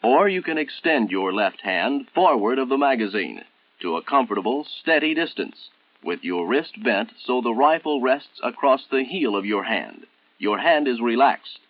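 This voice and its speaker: Heard from an old film soundtrack, this medium-pitched American male narrator of a 1960s military training film sounds animated yet formal, measured and instructional. The audio is dull, with no room sound.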